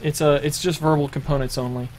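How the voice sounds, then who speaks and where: A man running a tabletop role-playing game as game master, narrating the action in a halting way with many fillers and restarts. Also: fairly high pitch, fairly even intonation, darkish tone, a little hiss or hum.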